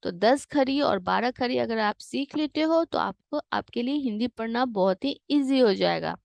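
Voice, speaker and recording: A woman with a slightly raised voice and a gravelly edge leads a children's Hindi lesson. She draws each syllable out slowly and patiently. The voice sits close and dry, with no room around it. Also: a little high, expressive, darkish tone, no room sound. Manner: patient, drawn-out sounding of each syllable, switching to English words. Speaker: Hindi teacher for young children. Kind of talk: slow syllable-by-syllable lesson reading.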